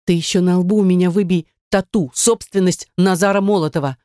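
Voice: mid-range voice, moderate pace, a little mellow, no echo, studio quality, pitched above the performer's own voice, natural voice. An audiobook narrator voicing a defiant, indignant young woman in dialogue, with protesting exclamations.

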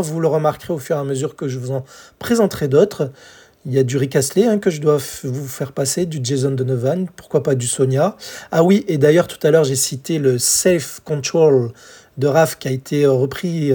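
Man in his forties from France, solo podcast host, chatty with lots of fillers, slightly husky voice. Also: on the high side. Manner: chatty, many fillers and restarts, addresses listeners warmly. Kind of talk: casual solo podcast about an old pop song.

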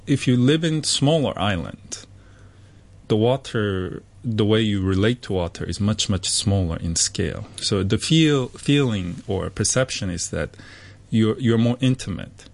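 Hesitant Korean-born man, slightly low voice. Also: gravelly. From South Korea. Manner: hesitant, many fillers and restarts. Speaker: artist guest. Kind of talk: radio interview.

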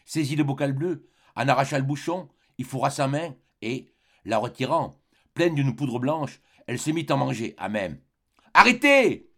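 A man with a mid-pitched voice reads a classic novel aloud. His narration is measured and dramatic, built from short phrases and pauses. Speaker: audiobook reader. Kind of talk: literary audiobook narration.

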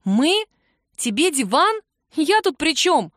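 A woman's voice: sits high, sing-song, takes it slowly, fairly bright tone, no room sound, studio quality, voice pushed up, heavily acted. A woman reading a story, voicing a grumpy young woman woken too early who answers with indignant, exaggerated exclamations. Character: sleepy grumpy young woman, sharp-tongued friend.

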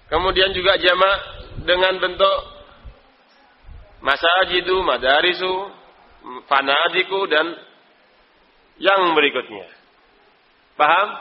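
Male Arabic teacher, Indonesian accent, quizzes students by name, lo-fi dull sound. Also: on the high side. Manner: calls on students by name, quizzes them, chuckles. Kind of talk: live online Arabic class. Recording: dull lo-fi recording.

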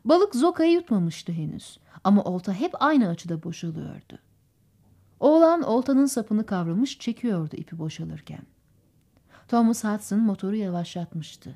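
A woman narrating a literary audiobook in a measured storytelling manner. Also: medium pitch, very animated, mellow. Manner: measured storytelling, voices characters.

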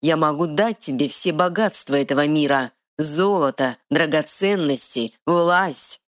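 A woman voicing an arrogant male dark sorcerer who speaks slowly with hissing menace, recorded dry. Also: low voice, dry recording. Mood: menacing. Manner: slow, drawn-out, hissing threats.

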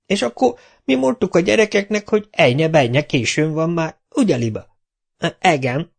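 A man voicing a whiny, dim-witted male night watchman in an audiobook, high and whining. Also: expressive, gravelly.

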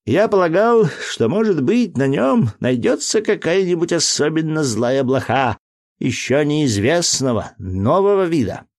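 A man putting on a shrill, fussy scholar. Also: sing-song, a little slow, darkish tone. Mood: fussy, lecturing. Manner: indignant, pedantic, lecturing. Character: fussy, excitable learned male entomologist. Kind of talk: audiobook character voice.

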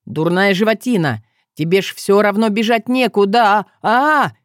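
A woman's voice: mid-range voice, normal speed, dry recording, studio quality, close to an everyday voice. A woman voicing a bewildered, athletic young man who talks bluntly in slang. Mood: flustered.

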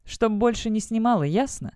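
A woman's voice: medium pitch, lively intonation, normal speed, mellow, smooth, dry recording, clean studio sound, natural voice. Woman reading a blunt, scornful young guardsman. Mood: scornful, heated. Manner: blunt, sneering remarks.

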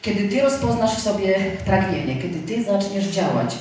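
A woman preaches in a relaxed, storytelling way, often repeating a line and asking the congregation whether they follow. Her mid-pitched voice comes from some way off the mic. It booms around a large, very reverberant church hall with a faint hiss underneath. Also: moderate pace. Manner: repeats key phrases, checks in with listeners. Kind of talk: sermon with personal anecdotes. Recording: very echoey hall, mic far off, faint noise.

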